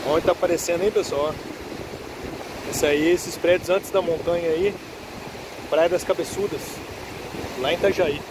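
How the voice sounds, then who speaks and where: A man films a walking vlog on his phone along a windy beach boardwalk. His voice sits slightly high and his chat is easygoing, aimed at his viewers. Loud surf and wind roar around the phone mic. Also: moderate pace, pauses often. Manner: relaxed, chatty, addresses viewers often. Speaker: vlogger filming the beach. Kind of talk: casual walking vlog commentary. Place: outdoors on a windy seaside boardwalk. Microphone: handheld phone camera. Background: waves and passing traffic.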